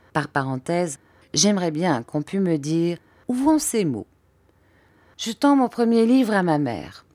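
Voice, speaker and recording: Woman audiobook narrator, low voice, measured expressive reading, dry close sound. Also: no room sound.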